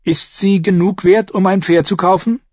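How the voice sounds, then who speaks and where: A man's voice: fairly even intonation, moderate pace, a little mellow, dry recording, muffled recording. A man doing a fierce young girl. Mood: eager. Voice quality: high, strained girlish voice. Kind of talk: audiobook character voice.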